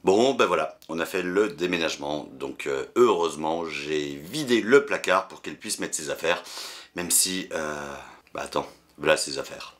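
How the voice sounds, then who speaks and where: A man chatting casually in a vlog while clearing out a closet at home, rambling, swearing and poking fun at himself. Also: a bass voice, lively intonation, moderate pace, fairly bright tone, slight background noise. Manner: rambling, swearing, self-mocking. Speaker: YouTuber. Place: cluttered apartment, clearing a closet.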